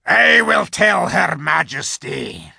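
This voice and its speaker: A man voicing a menacing male wolf, chief of a witch's secret police, growling and shouting in a storybook reading. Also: a little high, big pitch swings, slow pace, vocal fry, husky, dry recording, studio quality, voice pushed up, exaggerated voice. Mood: commanding.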